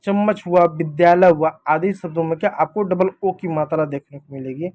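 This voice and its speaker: A man's voice: on the high side, a little fast, a little mellow, highs cut off. A man teaching a simple lesson in a casual classroom manner, explaining step by step and checking in with "thik hai" often.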